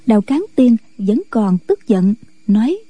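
Dark-voiced, husky woman narrator. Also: mid-range voice, sing-song, a little slow, no echo. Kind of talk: audiobook story narration.

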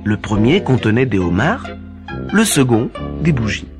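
A man narrating a children's story in an expressive, animated reading. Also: medium pitch, normal speed. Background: faint background music.

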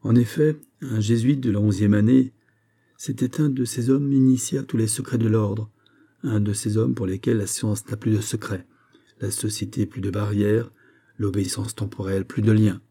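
A male audiobook narrator reading a classic novel in a measured, even way. His voice sits low and very dark, with a husky, breathy texture.

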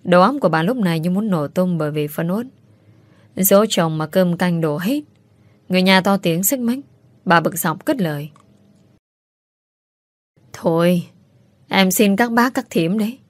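Female storyteller, steady scripted narration, lowish voice, dry close recording. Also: moderate pace, no echo.

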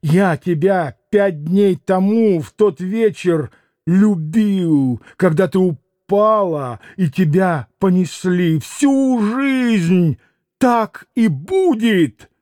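A man's voice: high-pitched, lively intonation, very slow, darkish tone, dry recording, studio quality, exaggerated voice. A man voicing a desperate, passionate young man who pleads and exclaims, in an audiobook reading. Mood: tender.

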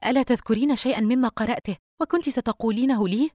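A panicky young woman played by a woman reader, her voice pushed high and tight with fear. Every line comes out strained and urgent, in a close, dry storybook recording. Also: very fast, a little mellow, no room sound, lightly acted. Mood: frightened. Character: frightened young woman Yusra, tense and panicky.

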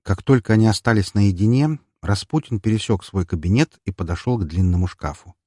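A man reading a first-person story aloud in an expressive, wry audiobook narration. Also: lowish voice, a little fast, dry recording, clean studio sound.

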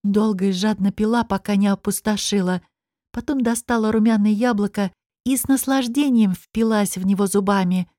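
A woman narrates a first-person fantasy audiobook in a lively, expressive way. Her voice sits at an ordinary middle pitch. The sound is close and dry, with no room in it. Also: moderate pace, no room sound.

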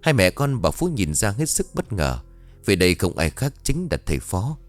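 A man narrating a ghost story with lively, dramatic storytelling. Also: on the low side, moderate pace, soft background music.

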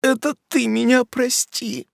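A man's voice: sits high, expressive, normal speed, breathy edge, no room sound, studio quality, voice pushed up. A man voicing a young woman who pleads with her fiancé, her voice trembling and breaking as she sobs. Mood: pleading, tearful. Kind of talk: audiobook dialogue.

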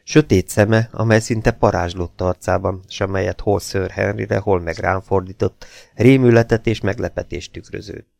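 A man narrates a classic novel in a measured, steady manner. His voice is low and gravelly, recorded dry and close with no room sound. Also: no echo. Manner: calm, measured first-person telling. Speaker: audiobook narrator. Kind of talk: scripted narration.

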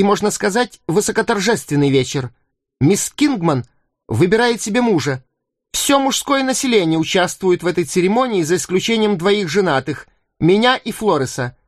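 A jittery jailhouse guard frets and hurries through his words, his voice pitched up high, as a male narrator puts him on. He sounds fearful and fussy, sometimes sinking to a hushed whisper. The sound is dry and close, with no room in it. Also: no echo. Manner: nervous, hurried, dropping to a whisper. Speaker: audiobook narrator. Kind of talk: audiobook character voice.

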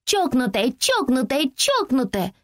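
A woman's voice: sits high, big pitch swings, normal speed, no room sound, clean studio sound, voice pushed up. A woman reading an audiobook voices a five-year-old neighbour girl who taunts in blunt, slangy speech. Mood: taunting. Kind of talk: audiobook character voicing.

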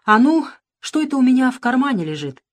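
A woman reading an audiobook and voicing a gentle, grieving old village grandmother who speaks softly in plain folk speech. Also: sits high, sing-song, fast, pitched above the performer's own voice. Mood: tender, sorrowful. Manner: soft, tender folk speech.

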